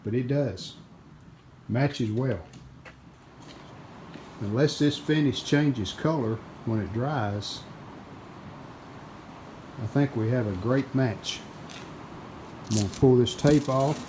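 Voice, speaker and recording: The host of a radio restoration video channel narrates his do-it-yourself work casually and plainly, without a script, often pausing mid-sentence. His voice is mid-range in pitch, with noticeable background noise and room ambience behind it.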